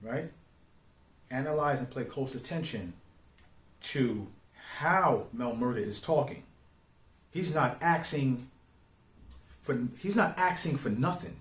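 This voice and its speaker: An online commentator, a man with a medium-pitched voice, delivers casual opinions in street slang. He speaks with deliberate emphasis and keeps throwing rhetorical questions at the listener. The room sounds large and echoey.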